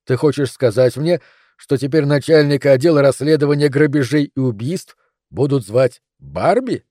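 A sharp detective, voiced by a male reader, teases his colleagues in a dry, plain way. The tone is mellow, and the sound is close and dry. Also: mid-range voice, normal speed, dry recording, close to an everyday voice. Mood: teasing. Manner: dry teasing. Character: male detective, sharp, teasing, young adult.

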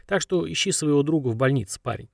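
A chatty old woman grumbles in folksy talk, voiced by a male audiobook reader. Her voice sits higher than his natural register. The sound is close and dry, with no room around it. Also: lively intonation, fast, gravelly, no room sound. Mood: grumbling. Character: gossipy old woman neighbor, bony, talkative. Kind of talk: audiobook character voice.

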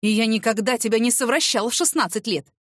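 A woman's voice: a little high, sing-song, brisk, no room sound, studio quality. A woman voicing an angry, domineering male boss who barks accusations and sneers sarcastically. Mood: accusing.

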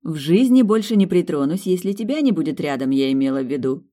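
A woman's voice: very deep voice, expressive, quick pace, warm tone. A narrator voicing a young woman doctor, flustered and eager to please, pleading and apologetic in an audiobook. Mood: relieved, playful.

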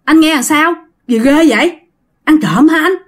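A woman pitches her voice high, above her own register yet still close to everyday speech, to play a frightened young wife. At a normal pace, she fires off one anxious question after another.

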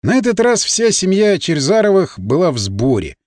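A man narrating an audiobook in the first person, expressive and storytelling. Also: high voice, moderate pace, dry recording, clean studio sound.

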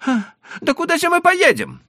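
A man voicing a timid, anxious male horse trader in a high, whining, pleading voice for an audiobook. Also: wildly swooping pitch, moderate pace, gravelly, bright, forceful tone, no echo, studio quality, heavily acted. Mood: fretful. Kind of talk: audiobook character voice.

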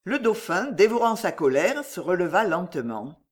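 An audiobook narrator giving an expressive, dramatic reading of a historical tale. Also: medium pitch, normal speed.

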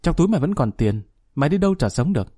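A man voicing a scared young addicted son who talks quickly and nervously. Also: on the high side, very animated, mellow, breathy edge, no echo, clean studio sound. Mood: frightened.

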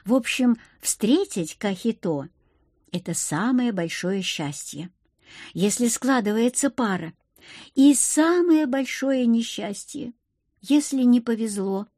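A woman voicing a calm young female friend who patiently explains things in an audiobook. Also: a little high, takes it slowly, no room sound, studio quality. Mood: explaining. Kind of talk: audiobook reading.

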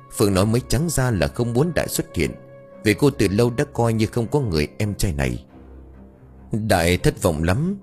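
A man reads an audiobook horror story with dramatic, expressive storytelling. His voice is very low and husky, his intonation swings widely, and faint music plays underneath. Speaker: audiobook narrator.

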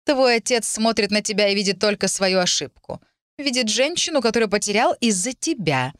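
A woman's voice: mid-range voice, animated, brisk, a bit bright, no echo, voice pushed up, lightly acted. Cruel stepmother voiced by a woman, spiteful, cutting, raised voice, dry close mic. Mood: contemptuous. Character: cruel scornful noblewoman stepmother.

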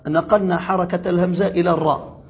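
A man teaching an Arabic grammar lesson, reading a passage aloud and then explaining it slowly with questions to his students. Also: high voice, steady tone. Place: classroom or study circle. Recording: dull lo-fi classroom recording.

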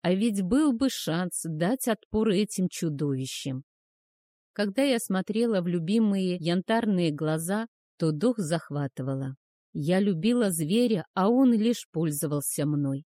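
A woman narrating a first-person romance audiobook in a soft, measured, emotional way. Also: lowish voice, expressive, dry recording, studio quality.

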